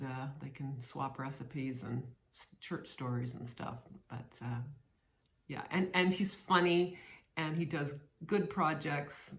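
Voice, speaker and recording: A woman chatting casually on her cross stitch vlog, playful and warm with friends, often repeating words as she restarts. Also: deep voice. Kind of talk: casual chat to camera. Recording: roomy echo.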